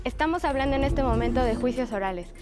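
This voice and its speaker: A young woman in her twenties introduces herself with quick, eager energy. Her voice sits a bit high, and music plays underneath. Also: lively intonation. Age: 20s. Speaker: business student debater.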